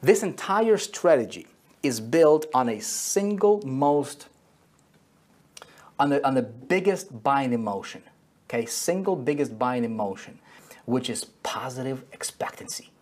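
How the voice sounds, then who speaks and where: A man with a husky, slightly breathy voice walks through a marketing lesson at a whiteboard. His pitch sits in an ordinary middle range. He keeps checking in with his listeners and repeats key phrases to drive them home. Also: animated, unhurried, a little mellow. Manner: checks in constantly with "okay?" and "right?". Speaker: online marketing instructor.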